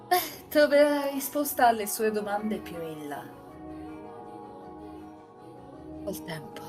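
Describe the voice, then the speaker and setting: In formal, measured sentences, a woman with a fairly high voice plays a composed, enigmatic housemaid narrating a visual novel tale.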